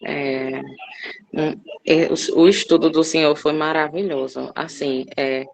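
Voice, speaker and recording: A woman's voice: low voice, fairly even intonation, a little slow, creaky. Emotional Brazilian woman in her thirties. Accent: Brazilian Portuguese. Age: 30s. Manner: emotional, hesitant with many fillers, rising when she recalls scolding. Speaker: participant sharing a testimony. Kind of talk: personal testimony in a class.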